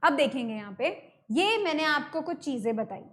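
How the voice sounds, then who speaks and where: Woman, Indian accent, math teacher, high-pitched, patient step-by-step explaining, mixes in English terms. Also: expressive, moderate pace, fairly bright tone. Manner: explains step by step, repeating key terms and checking with "ठीक है". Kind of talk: online math lesson.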